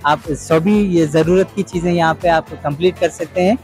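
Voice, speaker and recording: A man with a high, lively voice, chatting his way through a busy supermarket on a store-tour vlog. Soft music plays in the background. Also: moderate pace. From Hyderabad, India. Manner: upbeat, chatty presenter. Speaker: vlogger and host. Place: large busy supermarket indoors.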